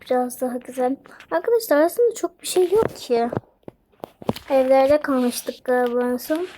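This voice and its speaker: Excitable high-voiced young woman gamer. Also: unhurried, a little hiss or hum. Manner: excitable, squeals and cries out in delight. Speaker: gaming channel host. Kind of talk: casual game commentary.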